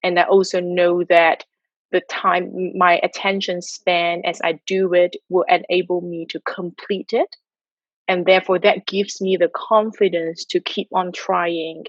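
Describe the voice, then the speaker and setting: Joining a video call from her Tokyo home, a woman from Malaysia gives earnest, motivational answers about mindset and habits during an online Q&A. She speaks a little slowly in a lowish voice with little pitch movement, and the recording is dry and dull.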